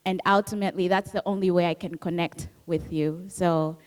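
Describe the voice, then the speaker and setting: The author, a woman from Zambia who first spoke Bemba, reflects earnestly on her book at a book club, repeating important phrases. Her voice is fairly low and a little mellow, with fairly even intonation and a moderate pace.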